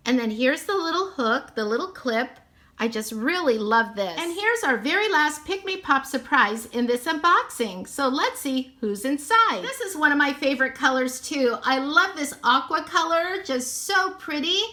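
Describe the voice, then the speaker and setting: A woman's voice: high-pitched, very animated, moderate pace, bright, forceful tone. A woman narrating a toy unboxing, gushing sweetly and repeating how cute everything is.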